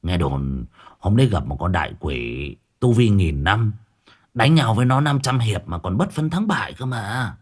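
A sly sidekick brags in a low, hushed voice, leaning in as if sharing a secret, as a man plays him. His talk is boastful and wheedling. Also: very animated, measured pace, husky, exaggerated voice.

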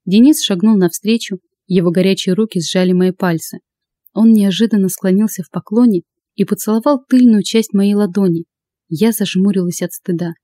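Brief: woman audiobook narrator, expressive and wry, mid-pitched, dry recording. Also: normal speed, no room sound. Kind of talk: first-person audiobook narration.

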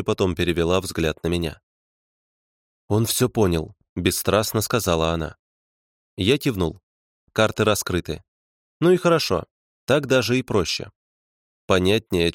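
A man with a lowish voice reads a first-person audiobook in a dry, wry way. The sound is dead and close, with no room around it. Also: animated, normal speed, no echo. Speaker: audiobook narrator.

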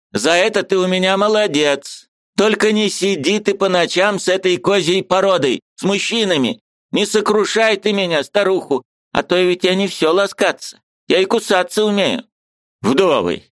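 A man voicing a sharp-tongued, agitated old woman who scolds her niece sarcastically. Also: high voice, lively intonation, normal speed, no echo, clean studio sound, voice pushed up. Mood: scolding. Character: sharp-tongued old aunt, gruff yet loving woman.

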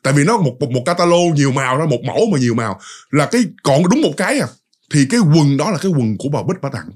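A man's voice: a little high, fast talker. A man with a Southern Vietnamese accent casually retelling a ghost story, chatty and speaking straight to his listeners. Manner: animated, chatty, addresses listeners directly.

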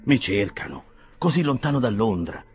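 A man voicing the puzzled young gentleman Mr Winkle in a read-aloud novel, bewildered and hurried. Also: medium pitch, big pitch swings, slight background noise. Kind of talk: audiobook character voice.

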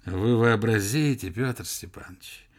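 A man reading the part of an irritable, scornful male zoology professor who fires off sharp, angry questions. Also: on the low side, unhurried, lightly acted. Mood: heated.

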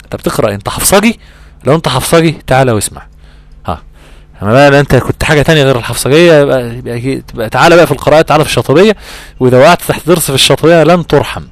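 A man with an Egyptian accent teaching Quran recitation rules in a lively, conversational way, acting out imagined student questions. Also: mid-range voice, dry recording. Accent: Egyptian Arabic. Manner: animated, acts out imagined student exchanges, drawn-out recitation examples. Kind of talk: Egyptian colloquial tajweed lesson.

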